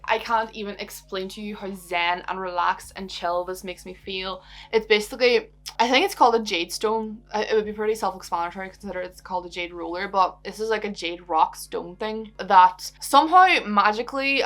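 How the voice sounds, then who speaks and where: A woman's voice: medium pitch, a bit bright. Bubbly young Irish woman chatting. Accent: Irish, Donegal. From Ireland. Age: young adult. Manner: bubbly, giggly, sweary, rambling. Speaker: YouTuber answering viewer questions. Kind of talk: casual chatty Q&A vlog.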